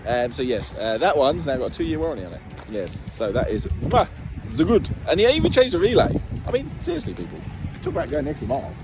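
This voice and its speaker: A British car dealer films a repair vlog about his own work, chatting casually in a mid-range, very animated voice. He talks fast and keeps things playful and jokey, slipping into silly baby-talk words, with background noise behind him.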